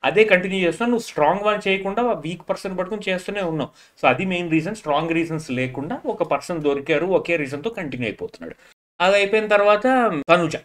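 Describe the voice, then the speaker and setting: Fast-talking, opinionated man. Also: high-pitched. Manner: animated, opinionated, mixes English into his talk. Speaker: reality show reviewer. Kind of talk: casual spoken review.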